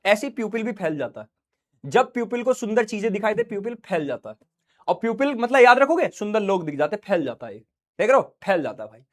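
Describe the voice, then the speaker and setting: A man's voice: high-pitched, very animated, a little fast. A young man teaching a science class online, playful and joking, acting out little scenes for his students while feeling unwell.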